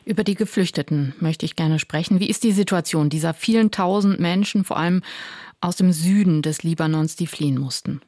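A woman hosts a radio news program, posing questions to a guest in a clear, composed, formal manner. Her voice sits on the lower side for a woman. The sound is close and dry, with no room around it. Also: a little fast, dark tone, no room sound. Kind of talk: radio interview and news presenting.

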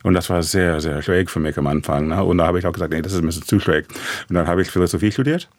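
A man with an American accent, a composer speaking German as a second language, answering in a halting, reflective way with many fillers. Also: low-pitched, no room sound. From USA. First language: English. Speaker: composer guest. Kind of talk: reflective radio interview answers.

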